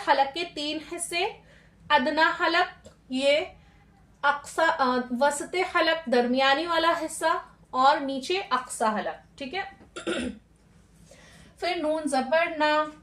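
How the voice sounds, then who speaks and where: A woman with a high voice gives a patient tajweed lesson. She keeps asking questions and answering them herself, and she draws out sounds slowly to demonstrate them. The recording has a roomy echo. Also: a bit bright. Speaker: Quran recitation teacher.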